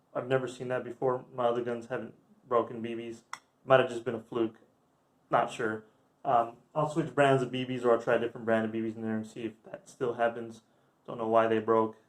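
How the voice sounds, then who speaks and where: A young man with an average-pitched voice talks to the camera in a casual review style. He is informal and slangy, with an enthusiastic manner, like a hobbyist vlogger speaking off the cuff. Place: backyard outdoors, later a room indoors.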